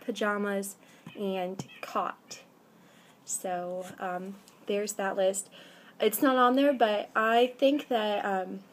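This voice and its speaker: Her voice sits at a medium pitch: a woman in her twenties with a Midwestern accent, casually chatting on a webcam vlog and saying um often. She's indoors by a window, the webcam held at arm's length.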